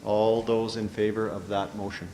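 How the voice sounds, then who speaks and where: A man chairing a town council meeting in a relaxed, joking way. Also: fairly low pitch, moderate pace. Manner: easygoing, joking. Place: council chamber. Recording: echoey council chamber with background noise.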